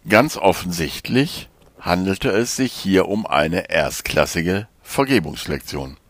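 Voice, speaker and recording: Low, slow-paced male audiobook narrator. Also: expressive, no echo. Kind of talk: scripted narration.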